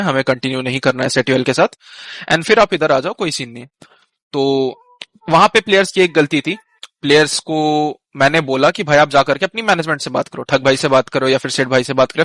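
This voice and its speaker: A man's voice: mid-range voice, fairly bright tone, no echo. A man recounting a team dispute on a live stream in casual Hinglish, mixing English phrases into his Hindi. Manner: conversational storytelling, with fillers and restarts. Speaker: esports team manager.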